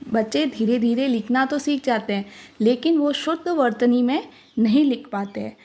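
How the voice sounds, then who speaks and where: A woman teacher slowly explaining a workbook, spelling out each word with care. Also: fairly high pitch, mellow.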